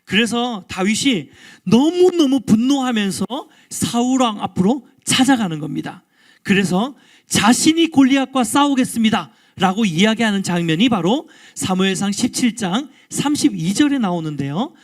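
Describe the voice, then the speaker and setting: A male pastor giving an all-ages sermon in a lively, interactive storytelling manner, often asking the congregation questions. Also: high voice, normal speed. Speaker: guest pastor.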